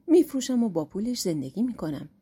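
A woman's voice: mid-range voice, big pitch swings, warm tone, slightly rough. Sly bald trickster lad, as a woman reads him. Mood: scheming. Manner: cheeky, glib, scheming. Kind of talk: storybook narration.

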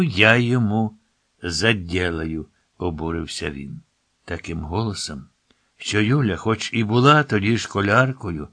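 A man with a fairly low voice narrates a literary story, measured and wry in his delivery. The recording is close and dry, with no room sound at all. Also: fairly bright tone, no room sound.

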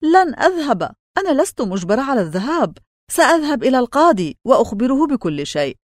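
A frightened blind slave girl pleads in a high, tearful voice, as a woman reading the story puts her on. Her voice swoops widely in pitch. The sound is close and dry, with no room around it. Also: sing-song, fast, darkish tone, no echo. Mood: defiant.

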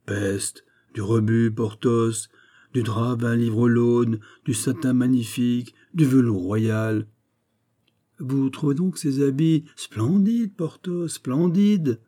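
A man voicing D'Artagnan, a shrewd musketeer, teasing and quick-witted. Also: mid-range voice, steady tone, dark tone. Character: shrewd ironic male musketeer.

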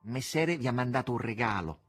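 A man's voice: medium pitch, animated, a little fast, husky, soft background music. A man doing a courteous, sly demon messenger.

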